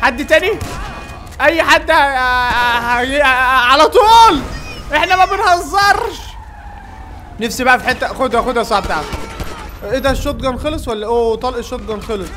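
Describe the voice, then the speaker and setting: Egyptian-accented male gaming creator, very high bright voice, rapid excitable play-by-play commentary. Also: some chatter behind, a little hiss or hum. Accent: Egyptian Arabic. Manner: excitable, yells at game characters. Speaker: gaming YouTuber.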